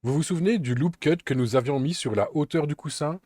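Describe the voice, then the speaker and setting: A man walks through a software tutorial step by step, calm and methodical. His voice is dark and mellow, and the recording is dry and close with no room sound. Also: fairly high pitch, brisk, no echo. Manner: calm, methodical step-by-step explaining with occasional fillers. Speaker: Blender tutorial instructor.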